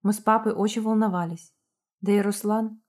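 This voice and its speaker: A woman reading aloud, voicing a gentle, worried mother speaking to her daughter. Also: medium pitch, fairly even intonation, moderate pace, natural voice. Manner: soft-spoken. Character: gentle, worried mother who turns firm.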